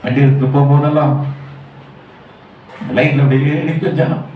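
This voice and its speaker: A male pastor with a Tamil Nadu accent preaches a Sunday sermon in Tamil, urgently pleading with his listeners through repeated rhetorical questions. His medium-pitched voice moves little in pitch and keeps a normal speed. The phone-quality recording is made from afar in an echoey church hall with a faint hum.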